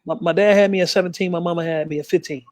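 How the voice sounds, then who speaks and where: Guy talking fast in an interview, kinda high voice, acts out what people said, dry close mic. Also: fairly even intonation, a little mellow, no echo. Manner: quick, emphatic, acts out quoted voices. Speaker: interview guest, gospel artist. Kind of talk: candid storytelling.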